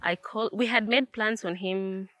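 A young woman with a Kenyan accent, a guest telling a personal story in relaxed conversation, reflective and slipping into Swahili phrases. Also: medium pitch, unhurried. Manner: reflective, mixes in Swahili phrases, frequent restarts. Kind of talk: personal storytelling in casual chat.

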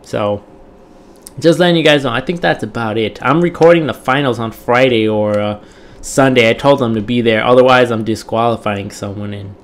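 A man's voice: medium pitch, normal speed. Tired rambling young man gaming vlogger. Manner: rambling, repetitive, with many fillers. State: tired, throat recovering from strain. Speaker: gaming channel host. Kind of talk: casual chat to viewers.

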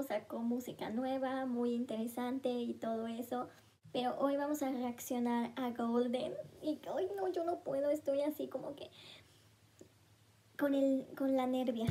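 A young woman gushes excitedly as she reacts to a music video, sometimes speaking in a hush. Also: fairly high pitch. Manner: gushing, exclamatory, hushed at times.

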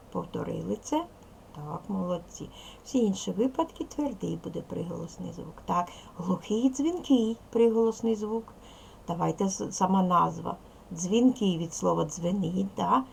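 A woman's voice: on the low side, vocal fry, a little mellow, slight background noise. A woman teaching a primary school language lesson with a Ukrainian accent, patiently prompting young pupils with repeated questions. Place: classroom.

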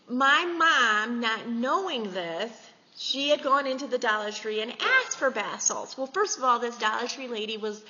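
A woman's voice: a little high, pushed and bright. A woman, chatting and giggling as she gushes over gifts in a vlog. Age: 40s. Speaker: beauty vlogger. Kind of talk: casual chat showing gifts. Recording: echoey, slightly dull with faint hiss.

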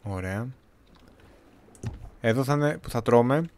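A young man from Greece giving casual, chatty gameplay commentary, talking to viewers with a slightly hoarse voice. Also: mid-range voice, expressive, darkish tone, a little hiss or hum. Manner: chatty, talks to viewers, jokey self-talk. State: voice a bit hoarse, clearing throat.

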